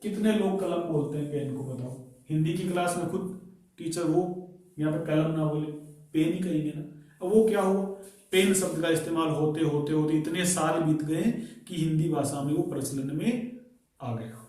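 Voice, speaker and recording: A man's voice: on the high side, moderate pace, warm tone. A male teacher giving a grammar lecture, asking his students rhetorical questions as he explains. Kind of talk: classroom lecture on English grammar. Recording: very echoey room, voice from far off.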